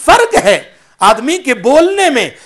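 High bright-voiced male preacher. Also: wildly swooping pitch. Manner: mixes in English phrases; asks the audience questions. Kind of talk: religious sermon.

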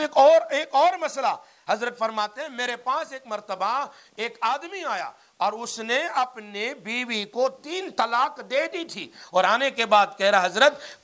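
A man, an Islamic scholar who teaches at a madrasa, giving a religious lecture on points of Islamic law. He tells cases as stories and acts out the quoted dialogue, with sudden swings in loudness, and recites Arabic sayings slowly and emphatically. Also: extremely high pitch.

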